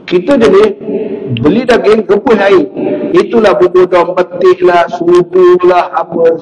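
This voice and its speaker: Malaysian male preacher, high voice, storytelling sermon, roomy distant recording. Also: unhurried, dull audio. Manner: storytelling, frequent pious interjections, lively. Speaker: religious teacher. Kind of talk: casual sermon. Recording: echoey room, voice from a distance.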